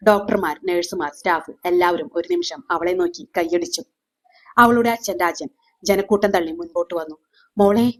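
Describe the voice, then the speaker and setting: A woman narrates a dramatic fictional story at a measured pace. Her voice sits low. She breaks the sentences into short, weighty phrases.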